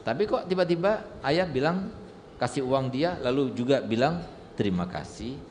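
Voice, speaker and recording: A man voicing a bold, clever young child who keeps questioning his father, his voice pitched up, in a reverberant hall with faint noise. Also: animated, normal speed, darkish tone, close to an everyday voice. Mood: puzzled. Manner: incredulous, lecturing.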